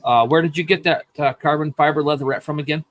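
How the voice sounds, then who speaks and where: A man's voice: fairly high pitch, steady tone, fast, dry recording. A man chatting casually on a livestream, chiming in from away from the mic.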